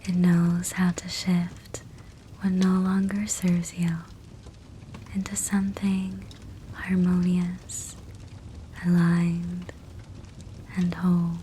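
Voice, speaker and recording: With a fireplace crackling steadily in the background, a woman speaks in a hushed, breathy, low whisper to guide listeners toward sleep. Her soothing, gentle phrases are short and very slow, broken up by long pauses.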